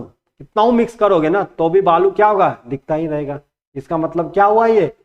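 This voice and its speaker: A man's voice: high-pitched, muffled recording. A man teaching chemistry in Hindi, who asks the class questions and answers them himself and mixes in English terms. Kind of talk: classroom lecture.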